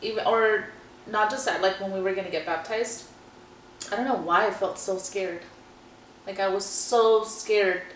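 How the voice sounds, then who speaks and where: A woman with a medium-pitched voice shares personal thoughts in casual conversation. She sounds a little away from the microphone, in an echoey room. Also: steady tone, normal speed. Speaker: podcast co-host. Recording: echoey room, distant mic, faint noise.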